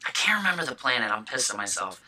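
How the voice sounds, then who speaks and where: A man's voice: mid-range voice, sing-song, fast, pushed and bright, husky, rough recording. A young man co-hosting a casual fan podcast, talking enthusiastically with lots of fillers and restarts, with the hiccups. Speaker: podcast co-host.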